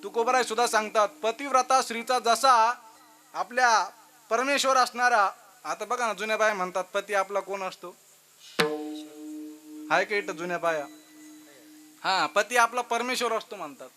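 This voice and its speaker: High-voiced male kirtan preacher telling stories. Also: normal speed, faint music behind. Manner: animated storyteller who keeps addressing listeners as Maharaj. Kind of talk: devotional sermon with storytelling.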